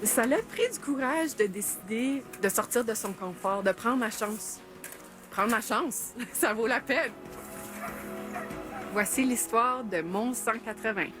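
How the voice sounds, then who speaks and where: A chatty woman from Sudbury, Northern Ontario, Canada, who is a mountaineer, laughs often and leans on many fillers as she reminisces in a documentary interview. She speaks slowly in a rather high voice, with music playing in the background.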